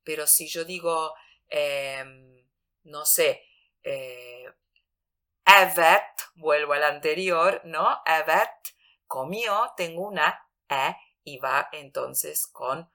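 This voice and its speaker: A woman gives a radio language lesson at an unhurried pace. Her voice sits low yet sounds bright and clear. She explains patiently and recites example phrases slowly. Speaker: Hungarian language teacher.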